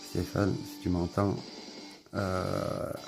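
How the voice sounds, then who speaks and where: Low gravelly man reviewing a phone. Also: extremely slow, music in the background. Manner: relaxed, rambling, filler-heavy commentary. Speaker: tech reviewer. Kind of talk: casual product review.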